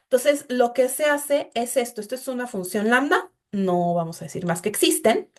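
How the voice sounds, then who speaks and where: A woman's voice: a little high, animated, moderate pace, darkish tone. A woman giving an informal, explanatory recorded programming class and talking directly to her students. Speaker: instructor.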